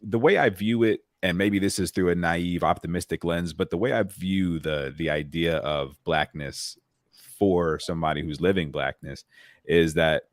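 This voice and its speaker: A man's voice: low voice, normal speed, no echo, studio quality. A man co-hosting a panel talk, thoughtful and reflective, with many fillers. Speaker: podcast co-host. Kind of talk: casual panel discussion.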